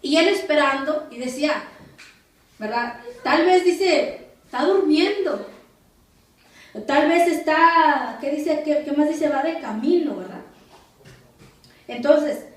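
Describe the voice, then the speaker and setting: A woman pastor teaching a Bible study lesson, repeating phrases and spelling out words so listeners can take notes. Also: sits high. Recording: echoey room from far off, faint noise.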